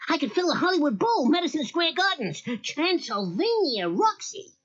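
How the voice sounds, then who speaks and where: An actor playing an excitable, vain young vampire duck count in a children's cartoon audio story. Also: high voice, moderate pace. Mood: excited. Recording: muffled old audio cassette.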